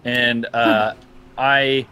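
A man's voice: medium pitch, fairly even intonation, extremely slow, pushed and bright, smooth. A man telling funny stories while playing a racing game with friends on a stream. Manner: joking storyteller, laughs often. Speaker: stream guest. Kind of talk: casual gaming chat.

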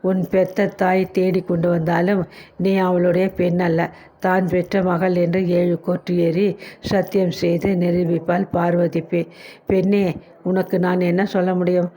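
A woman reading a novel aloud as narrator, steady, with small slips and restarts. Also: fairly low pitch, measured pace. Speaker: story narrator.

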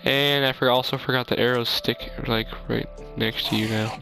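A man commentating his own gameplay, blurting excitable reactions and jokes at what happens on screen. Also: mid-range voice, normal speed, vocal fry, music in the background. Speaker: gaming commentator. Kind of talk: let's play commentary.

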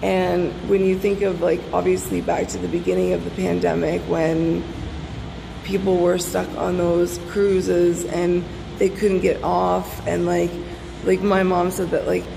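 A woman's voice: on the low side, level tone, a little slow, creaky. A woman in her thirties chatting casually to a handheld phone at an indoor pool. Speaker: vlogger. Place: large echoey indoor hotel pool. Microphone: handheld phone at arm's length. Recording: echoey pool hall, loud ambient noise. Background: background music and pool ambience.

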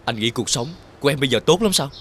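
A man's voice: mid-range voice, lively intonation, fast talker, a bit bright, slight background noise, close to an everyday voice. A young man acting as a bitter brother who talks in a cold, resentful tone in a TV drama.

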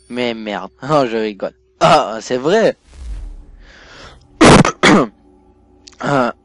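Excitable French gamer narrating play. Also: male voice, mid-range voice, drawn-out words, long pauses, background noise. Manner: excitable, swings from mumbling to loud outbursts. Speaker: gaming YouTuber. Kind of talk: let's play commentary.

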